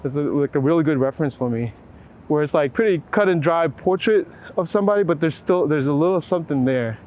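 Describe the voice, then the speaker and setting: A middle-aged photographer answers interview questions outdoors in a city, his voice fairly high and a little mellow. He speaks casually and reflectively, halting, using lots of fillers and rewording his thoughts often. City traffic noise, vehicles and urban ambience fill the background.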